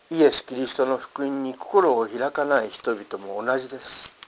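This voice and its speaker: A man preaching a sermon, reading scripture and explaining it in an earnest, emphatic manner. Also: rough recording. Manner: earnest, emphatic preaching with lively pitch swings. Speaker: pastor.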